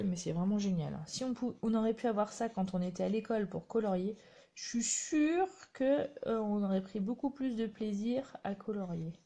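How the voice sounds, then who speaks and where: A woman with a warm, medium-pitched voice chats casually on a live stream while demonstrating a craft project. She talks her way through the hands-on work, tossing in little asides, as in a live craft tutorial.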